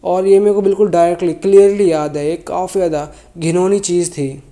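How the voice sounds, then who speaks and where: This manhwa recapper has a high-pitched but dark-toned voice, speaks briskly, and keeps his intonation fairly even. He's nursing a sore throat and feels unwell. His telling is loose, with frequent self-corrections and mid-sentence rephrasing.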